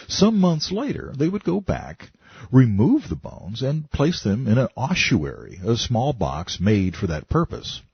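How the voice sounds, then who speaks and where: Husky, expressive male narrator. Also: medium pitch, measured pace, dry recording, muffled recording. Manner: wry, conversational, with rhetorical questions. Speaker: audiobook narrator.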